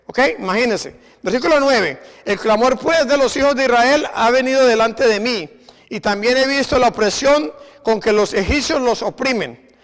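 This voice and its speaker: A man's voice: very high-pitched, moderate pace. A male preacher giving a sermon, exhorting his congregation and firing rhetorical questions at them. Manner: exhorting, repeats "imagine". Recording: long reverb of a hall.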